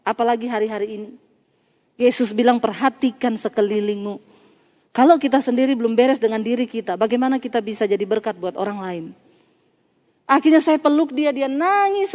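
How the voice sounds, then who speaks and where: Woman pastor, high voice, animated storytelling sermon, long hall echo. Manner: animated, addresses congregation as Saudara, acts out dialogue. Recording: long church hall reverb.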